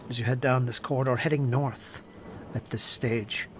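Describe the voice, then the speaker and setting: A man running a tabletop game as game master, narrating scenes in a deliberate, descriptive way with a shifting pace. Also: mid-range voice, steady tone, slight background noise.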